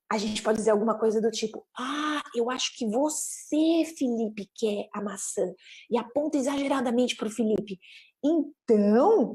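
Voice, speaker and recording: Animated woman explaining to parents. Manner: animated, acts out parent and child lines with big pitch jumps. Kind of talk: educational explainer talk.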